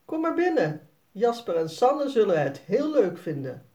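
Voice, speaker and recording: A woman voicing a calm, sensible mother who talks in a soothing, matter-of-fact way, in a read-aloud children's story. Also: mid-range voice, a little slow, recorded from a distance.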